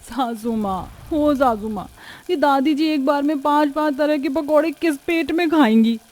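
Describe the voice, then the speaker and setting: A woman voicing an exasperated young daughter-in-law in an animated story, complaining about her in-laws. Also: high voice, a little slow, voice pushed up.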